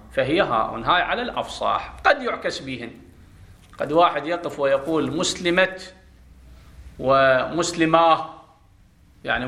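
A man's voice: fairly high pitch, pushed and bright, roomy sound. Man teaching grammar. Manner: explains step by step, quizzing students with questions. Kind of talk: classroom lesson.

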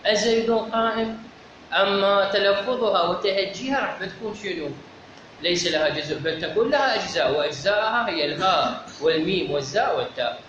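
A man with an Iraqi accent teaching a seminary lecture on logic, methodical, asking rhetorical questions and answering them himself. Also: sits high. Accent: Iraqi Arabic. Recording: very echoey, dull lo-fi, clear background noise.

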